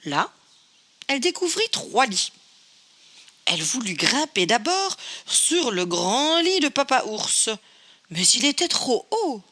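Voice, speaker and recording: Slow, expressive woman storyteller. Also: sits high. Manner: expressive, playful. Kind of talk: storybook reading for children.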